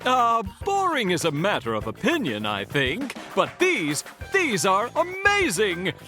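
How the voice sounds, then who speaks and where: A man's voice: high-pitched, wildly swooping pitch, measured pace, pushed and bright, faint music behind, full character voice. A man voicing an earnest, nerdy male moose scientist who lectures eagerly and laughs nervously in a cartoon. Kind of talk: cartoon voice acting.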